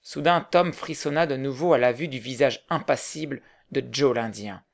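A man narrating a novel aloud in measured storytelling. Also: mid-range voice, gravelly. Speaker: audiobook narrator. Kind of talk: scripted narration.

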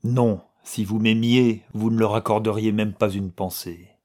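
A man reading the part of a lovelorn young man, earnest and commanding, in a husky, slow voice. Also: fairly low pitch, steady tone, a little mellow. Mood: pleading.

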